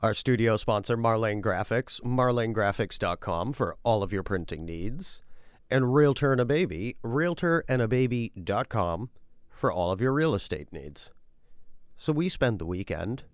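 A man's voice: on the low side, animated, normal speed, smooth, no room sound, clean studio sound. A man co-hosting a comedic podcast in a campy, theatrical showman's manner. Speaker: podcast co-host. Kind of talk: casual comedic podcast chat.

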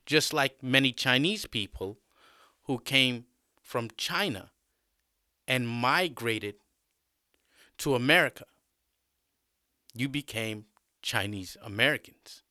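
A man's voice: medium pitch, sharp tone, no room sound, clean studio sound, exaggerated voice. A man doing a patient, earnest male teacher.

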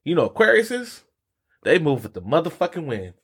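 A man's voice: fairly high pitch, normal speed, slightly rough. A man co-hosting a casual podcast chat, telling stories in a loose, profane way. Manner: animated, profane storytelling. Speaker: podcast co-host.

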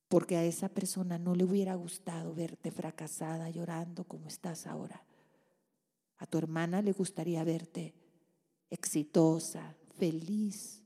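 A relationship advice host reads listeners' letters and answers them tenderly, sprinkling in soothing endearments. Her fairly low voice is mellow with a breathy edge, trailed by long reverb.

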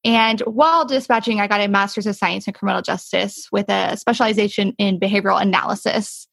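A woman's voice: medium pitch, fairly even intonation, brisk, creaky, fairly bright tone, no echo. A woman in her late twenties from the United States, answering casually as an interview guest. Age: late 20s.

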